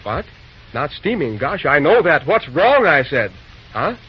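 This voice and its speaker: An actor playing a busy young railroad dispatcher in an old-time radio drama, talking briskly in folksy slang. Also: male voice, fairly high pitch, big pitch swings, slightly rough, exaggerated voice. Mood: brisk, urgent. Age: young adult. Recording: dull, noisy old radio recording.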